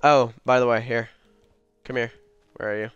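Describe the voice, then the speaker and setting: A man's voice: medium pitch, fairly even intonation, normal speed, a bit bright, clear, resonant tone, dry recording, lo-fi sound, faint music behind. A man streaming casual gameplay chat, sounding sick and drowsy, as if gargling, with blunt banter. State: drowsy from pain medication. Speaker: game streamer.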